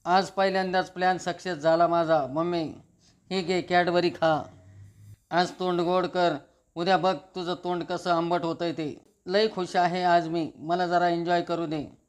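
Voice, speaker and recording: A man reading the lines of a cocky young woman who gloats slowly about her scheme. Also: fairly low pitch, little pitch movement, clean tone, close to an everyday voice. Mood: gloating.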